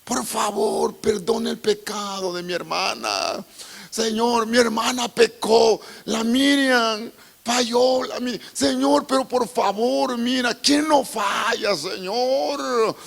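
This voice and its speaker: A man preaching voices Moses as a desperate older man, pleading with God through tears and shouts. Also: extremely high pitch, steady tone, takes it slowly, vocal fry, voice pushed up, exaggerated voice. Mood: pleading, tearful. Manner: desperate begging, tearful shouting.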